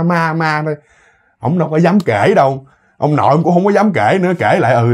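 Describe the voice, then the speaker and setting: A man with a Southern Vietnamese accent telling a ghost story in an animated, casual way, often repeating words and speaking to his listeners. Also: mid-range voice.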